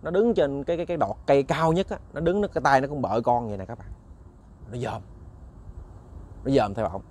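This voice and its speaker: This ghost story comes from a channel host with a Southern Vietnamese accent, speaking casually and directly to his listeners. His mid-range, darkish voice moves fairly quickly, and he's chatty, often repeating words while hunting for the next one.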